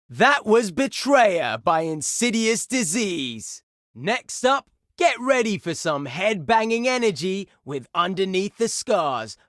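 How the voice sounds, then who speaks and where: In a clean studio recording with no room sound, a man gives an exaggerated, high-pitched performance. He plays a video game's heavy metal radio DJ, brash and excitable, punchily showing off as he announces tracks and listener requests.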